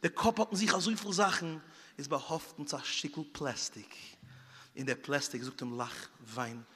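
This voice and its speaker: A man gives a moralizing talk built on vivid anecdotes, acting out moments with small puffing sound effects. His voice is bright and sharp. The recording carries a long, lingering hall reverb. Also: a little high, moderate pace, slightly rough.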